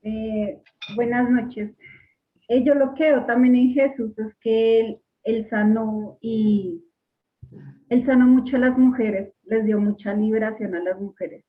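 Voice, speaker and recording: A woman's voice: fairly high pitch, steady tone, slow pace. A woman, a student in an online class, speaking hesitantly with fillers. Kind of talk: class contribution over a call. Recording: tinny phone-like line.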